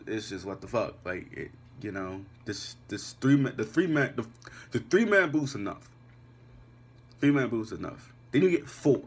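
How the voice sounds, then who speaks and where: A man's voice: fairly low pitch, slight background noise. A man giving a casual, blunt and profane recap of a wrestling show as a reviewer.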